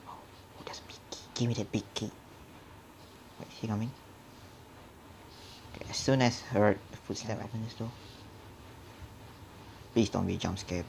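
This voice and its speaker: Over a noisy background, a man with a lowish voice and vocal fry provides horror let's play commentary. Nervous and jumpy, he frequently whispers and mutters mild curses to himself.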